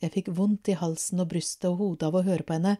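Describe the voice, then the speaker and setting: A woman reading a story aloud in a calm, measured way. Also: fairly low pitch. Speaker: reader.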